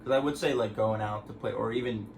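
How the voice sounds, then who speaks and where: A man's voice: lowish voice, fast, background noise. A young man chatting casually as a guest on his girlfriend's vlog, laid-back and rambling, with restarts. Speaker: boyfriend guest. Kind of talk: casual chat.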